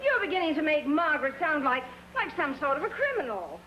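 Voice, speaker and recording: A gently teasing mother. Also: high voice, very animated, fairly quick, highs cut off. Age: middle-aged. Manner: mild, dry teasing. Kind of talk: 1950s sitcom acting. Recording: noisy old TV soundtrack, loud audience laughter.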